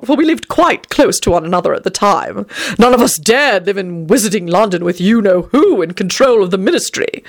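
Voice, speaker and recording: A woman reading an audiobook voices a flamboyant, fussy and dramatic grown man with an affected, plummy, drawn-out manner. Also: a little high. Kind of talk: audiobook character voice.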